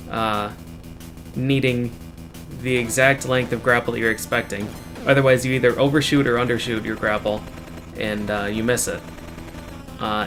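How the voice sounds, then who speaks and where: A man giving casual speedrun commentary as the runner, explaining technical details in a matter-of-fact, halting way. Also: mid-range voice. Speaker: speedrunner commentating on own run. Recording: game music playing behind the voice. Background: video game music.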